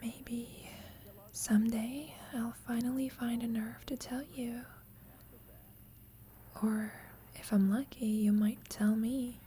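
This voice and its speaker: In an intimate ASMR roleplay, a woman voices a shy young female student confessing to her roommate in a soft, breathy whisper, lovestruck and insecure, anxious and yearning. Her tone is mellow, tender, a little high and steady, and she speaks slowly, hesitantly and confidingly, with slight background noise.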